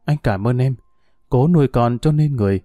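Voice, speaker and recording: A man playing a condemned husband who speaks calmly and with resignation. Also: medium pitch, a little fast, no echo, clean studio sound, soft background music, natural voice. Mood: tender. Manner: calm, resigned.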